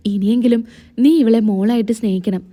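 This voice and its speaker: A woman voicing a kindly father-in-law in a calm, earnest way. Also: fairly high pitch, brisk, lightly acted.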